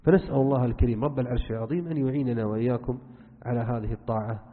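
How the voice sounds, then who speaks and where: A man's voice: mid-range voice, steady tone, very fast. A man teaching a religious lesson as a sheikh, earnest and instructive, speaking straight to his listeners. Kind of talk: religious lesson, explaining to students. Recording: phone-like band, long hall reverb.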